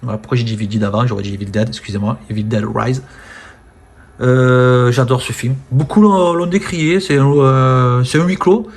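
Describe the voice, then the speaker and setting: A man chatting casually about films from his collection, full of fillers, often trailing off softly at the ends of phrases. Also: medium pitch, brisk, hardly any pauses. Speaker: film collector presenting his steelbooks. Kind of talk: casual unboxing-style chat.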